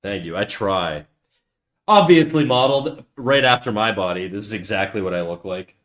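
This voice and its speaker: While drawing on a livestream, a man chats loosely, swearing freely, making fun of himself and often beginning his sentences again. He speaks at a normal speed in a lowish, somewhat bright voice with lively intonation.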